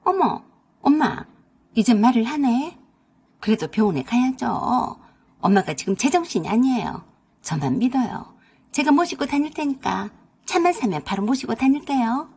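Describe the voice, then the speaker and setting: A woman doing a shrill, greedy young sister-in-law. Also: animated, moderate pace, creaky, darkish tone, husky, full character voice. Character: scheming spoiled young adult sister-in-law, greedy and whiny.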